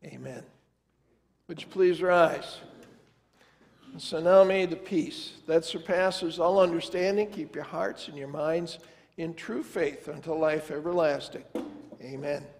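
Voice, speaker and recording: His voice is on the high side, gravelly yet a little mellow, and he keeps a measured pace as an older pastor telling a family story, folksy and conversational, with the dialogue acted out. He stands before the altar in a large church sanctuary, and long church reverb trails the sermon.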